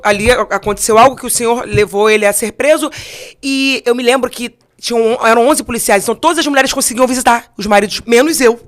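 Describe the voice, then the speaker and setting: A young woman on a podcast, telling her faith testimony in a casual way, acting out the dialogue and often restarting her sentences. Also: fairly high pitch. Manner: animated storyteller, acts out dialogue in voices; frequent restarts and repeated words. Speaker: podcast co-host.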